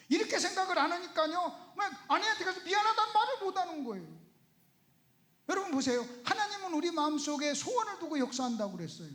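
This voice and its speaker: High-voiced animated man preaching. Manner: asks the audience rhetorical questions. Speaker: pastor. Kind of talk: Bible seminar sermon. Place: church sanctuary. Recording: roomy church echo.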